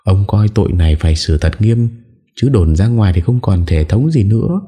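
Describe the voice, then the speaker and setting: A man's voice: fairly low pitch, lively intonation, moderate pace, dark tone, husky, voice pushed up. A male narrator voicing a haughty elder wife who presses her husband for harsh punishment. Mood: haughty demand.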